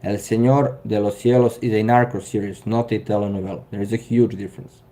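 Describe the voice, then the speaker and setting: A man's voice: fairly low pitch, steady tone, fairly quick, dark tone. Dry, sarcastic Serbian-accented man. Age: 30s. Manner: dry, sarcastic, chuckles often. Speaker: live-stream host. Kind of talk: casual live-stream chat reading viewer comments.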